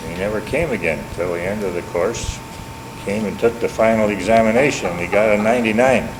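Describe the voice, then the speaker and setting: Speaking fairly quickly in a lowish voice, a Minneapolis man in his seventies tells family history the way an elder does in casual oral history. His Upper Midwestern accent carries a folksy, wry, self-deprecating tone. Background hum, echo, and noise fill the home tape.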